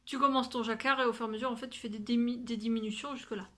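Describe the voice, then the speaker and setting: A woman's voice: on the high side, fairly even intonation, racing, pushed and bright, a little hiss or hum. A woman chatting casually about her sewing and knitting projects, rambling, swearing now and then, and sometimes dropping to a whisper. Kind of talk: casual chat to camera.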